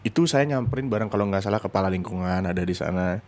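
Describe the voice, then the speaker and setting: A man tells a long story in a relaxed podcast chat. His natural voice sits fairly low, yet he keeps it animated, jumping sharply higher whenever he acts out someone else's words. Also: fast. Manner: animated, acts out quoted voices with sudden high pitch.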